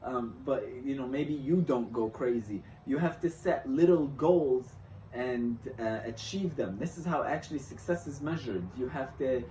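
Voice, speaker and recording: A young man from Syria talking through a reflective motivational vlog, halting and restarting often as he thinks aloud. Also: mid-range voice, warm tone, recorded from a distance, a little hiss or hum. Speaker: vlogger. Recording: roomy echo, off-mic, faint ambience.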